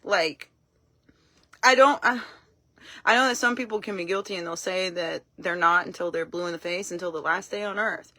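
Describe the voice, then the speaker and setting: A woman talking casually on a live stream, frank and blunt, telling her story in an animated way and acting out what people said. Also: on the low side, fairly quick, no room sound. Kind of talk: casual talk to camera.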